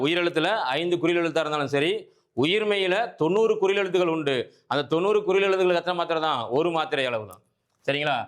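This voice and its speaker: A man's voice: fairly high pitch, fairly bright tone. Man teaching, asking and answering himself. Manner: asks questions and answers them himself, repeating key points; keeps checking in with listeners. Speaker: Tamil grammar teacher. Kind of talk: exam-prep grammar lesson.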